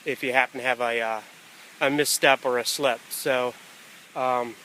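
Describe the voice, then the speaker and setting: A man with a bright, forward voice talks casually to his camera on a hike. His delivery is halting and unscripted, with thoughts left hanging and picked up again. The sound is outdoor camera audio with faint ambient noise behind him. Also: mid-range voice, steady tone, low-quality recording. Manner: halting, pausing mid-thought. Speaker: hiker filming a trail vlog. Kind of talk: casual unscripted vlog narration. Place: outdoors on a wooded rocky trail near a stream.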